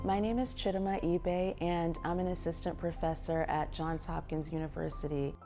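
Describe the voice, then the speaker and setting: A woman's voice: fairly low pitch, fairly even intonation, moderate pace. A woman from the United States, an assistant professor, talks in a sincere, reflective way in a documentary interview. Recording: soft music underneath.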